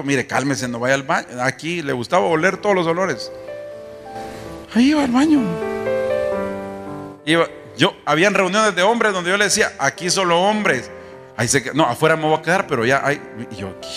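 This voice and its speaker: A man preaching a sermon, telling folksy stories and acting out conversations with rhetorical questions. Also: sits high. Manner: folksy storytelling, acts out dialogue, rhetorical questions. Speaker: apostle preaching.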